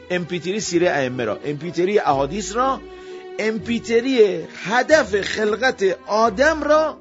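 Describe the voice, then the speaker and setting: An impassioned man delivers an emotional memorial sermon, dropping to a hush and then rising to loud appeals. His voice sits fairly high. The recording is dull and lo-fi, with faint music behind him. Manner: impassioned, swings between hushed and loud. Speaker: religious speaker.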